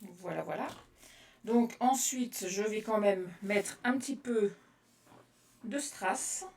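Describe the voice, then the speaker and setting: A woman's voice: medium pitch, slow pace, creaky. Chatty woman demonstrating crafts in a roomy space. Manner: chatty and relaxed, answers live comments by name, laughs often. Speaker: card-making demonstrator on a live stream. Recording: roomy echo, voice from a distance.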